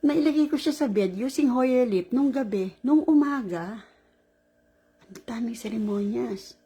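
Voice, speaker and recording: Middle-aged woman, caregiver type, exhausted; husky and mellow, chatty rambling vlog delivery. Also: fairly high pitch, measured pace. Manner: rambling, animated retelling with laughs. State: tired after a long shift. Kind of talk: casual vlog storytelling.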